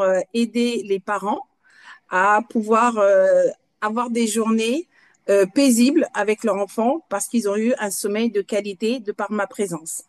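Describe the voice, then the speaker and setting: A woman in her fifties from Guadeloupe, a night nurse answering interview questions in a halting way, pausing often to find her words. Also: medium pitch. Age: 50s. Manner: halting, searching for words between pauses.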